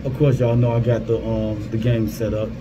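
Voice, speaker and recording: A man's voice: on the low side, little pitch movement, moderate pace. A man in his thirties giving a casual vlog update through a cloth face mask, slightly muffled, informal and repeating his phrases. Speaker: gaming content creator. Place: small security guard booth. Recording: clear vehicle and ambient background noise.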